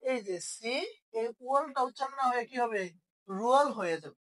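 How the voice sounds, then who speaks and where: A woman's voice: fairly high pitch, expressive, fairly quick, a bit bright, rough recording. A woman teaching an online language lesson, asking questions and answering them herself.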